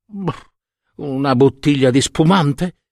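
A man's voice: on the high side, slow pace, no echo, studio quality, voice pushed up. A man voicing a kindly, homely shoemaker's wife in a storybook tale, raising his voice to sound like her. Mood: gentle. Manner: gentle, homely, questioning. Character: kindly poor shoemaker's wife, middle-aged woman.

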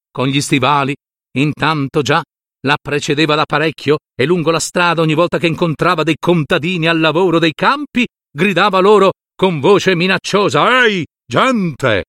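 Man, storyteller, fairy-tale narration, expressive, animated pitch, dry close sound. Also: no echo. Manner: expressive, with dramatic swings of pitch and slowed key words.

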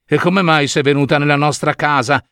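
A man's voice: fairly high pitch, steady tone, fairly quick, gravelly, fairly bright tone, no room sound, clean studio sound. A man voicing the seven dwarfs in a storybook reading, giving earnest warnings. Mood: kind. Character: seven dwarfs, gruff and protective.

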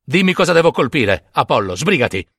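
A man's voice: a little high, sing-song, a little fast, a bit bright, husky, dry recording, full character voice. Brief: haughty female goddess of the hunt, curt and proud, as a male storyteller puts her on, close dry sound.

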